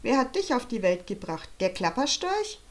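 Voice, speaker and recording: In a fairly high, very animated voice at a moderate pace, a woman performs an audiobook character: a confident, cheeky girl who talks big. The delivery is bold, bubbly, and boastful.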